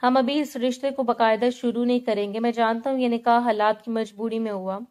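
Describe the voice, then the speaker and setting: A woman's voice: on the high side, steady tone, a little mellow, smooth, lightly acted. A woman reading the part of a stern, cold young husband who speaks firmly in a storybook. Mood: serious. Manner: cold, firm, clipped.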